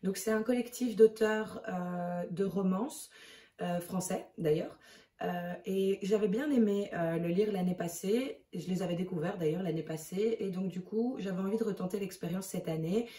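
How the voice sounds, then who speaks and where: A woman's voice: medium pitch, normal speed, mellow. A woman chatting hesitantly as a book vlogger, reviewing her month's reading and checking her notes as she goes. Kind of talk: casual book review chat. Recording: roomy echo, mic at a distance.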